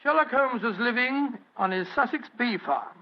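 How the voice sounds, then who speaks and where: High-voiced, genial elderly English doctor. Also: male voice, expressive, moderate pace. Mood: nostalgic. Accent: British. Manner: genial, slightly bumbling, stammering. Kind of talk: 1940s radio acting. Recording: dull old radio recording.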